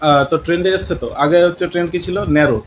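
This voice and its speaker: A man's voice: sits high, racing, a little hiss or hum, low-quality recording. A man teaching an English lesson in Bengali with a West Bengal accent, mixing in English words and questioning his students. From West Bengal, India.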